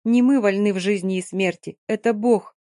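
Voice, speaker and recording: A woman's voice: medium pitch, unhurried, mellow, no room sound, clean studio sound, close to an everyday voice. A woman reading an audiobook, voicing a fierce, stubborn young woman who scolds sharply and then consoles firmly. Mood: scolding.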